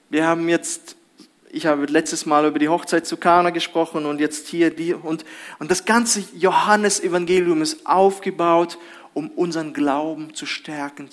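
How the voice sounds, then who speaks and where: A man preaching a sermon in an earnest, exhorting way, rising loud on a point and dropping quiet when he cites scripture. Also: a little high.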